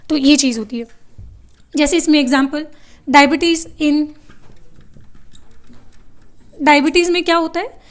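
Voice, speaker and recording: High-voiced woman teaching biology. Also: fairly even intonation, measured pace, long pauses. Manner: asks the class questions and answers them herself; mixes English terms into her explanations. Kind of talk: classroom lecture.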